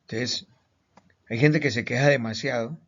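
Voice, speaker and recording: A man's voice: mid-range voice, fairly even intonation, normal speed, fairly bright tone. A man from Colombia teaching a recorded online lesson, stressing each point with questions and repeated words. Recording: slightly muffled lo-fi audio.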